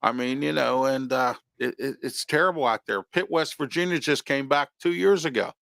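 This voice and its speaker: Gravelly man in his fifties hosting. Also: mid-range voice, moderate pace, fairly bright tone, no room sound, studio quality. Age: 50s. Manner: rambling, many "uh" fillers. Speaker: sports talk show host. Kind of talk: casual sports talk.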